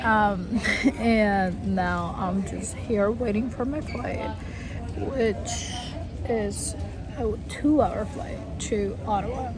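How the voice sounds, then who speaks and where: A young woman vlogging to camera in a casual, chatty, expressive and informal way. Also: mid-range voice, extremely slow, over a noisy crowd, rough recording. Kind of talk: casual vlog chat to camera. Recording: clear background noise, travel ambience.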